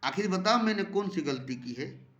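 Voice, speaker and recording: A man's voice: high voice, lively intonation, normal speed, fairly bright tone, muffled recording, pitched above the performer's own voice. Man playing an anxious, pleading prophet. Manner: pleading, pressing questions. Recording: roomy echo.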